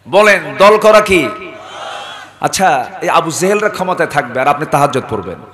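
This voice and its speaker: Preacher, man yelling at a crowd then joking quietly, bright sharp tone. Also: a little high, big pitch swings, a little fast. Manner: shouting call-and-response, drops to joking asides. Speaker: preacher at a waz gathering. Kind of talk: fiery sermon.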